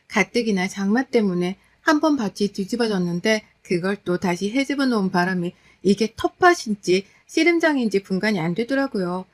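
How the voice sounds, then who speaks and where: Woman narrating a family story. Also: on the high side. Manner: steady, conversational storytelling with wry exasperation. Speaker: daughter-in-law telling her story.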